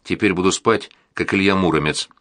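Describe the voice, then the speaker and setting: A man reading aloud, voicing a calm male heart patient who breathes heavily. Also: low-pitched, brisk, no room sound, clean studio sound. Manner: gentle, breathy.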